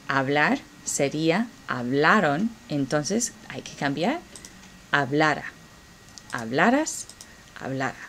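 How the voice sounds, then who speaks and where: Slow, lively woman teaching Spanish. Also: low-pitched, a little hiss or hum. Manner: slow, encouraging drill pace with pauses. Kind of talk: classroom grammar lesson.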